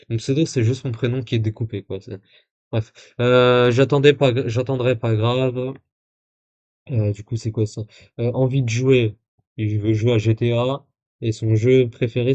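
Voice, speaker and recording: A man talks through a live stream in a casual, rambling way, full of filler sounds and restarts. His pitch sits in a middle range for a man, and he drops sarcastic remarks between the messages he reads. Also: mellow, highs cut off.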